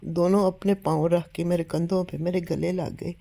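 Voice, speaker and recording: A woman's voice: fairly low pitch, fairly even intonation, vocal fry, mellow. An older woman telling a story at home to a phone camera, earnest and a little weak from illness, often urging listeners to believe her. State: weak and unwell. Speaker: home vlogger.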